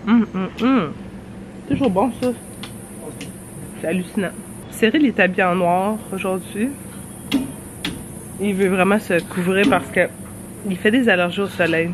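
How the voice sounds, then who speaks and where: Filmed outdoors on a handheld camera with traffic noise around, a young Québécois-accented woman chats casually for her travel vlog. She has a stuffy cold and laughs often. Her medium-pitched voice moves at a measured pace with long pauses.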